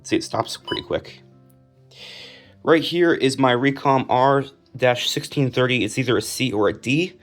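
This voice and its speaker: A young American man casually walks through his personal collection in a matter-of-fact, informal way. His voice is medium-pitched and moves at a normal speed, with music playing behind him.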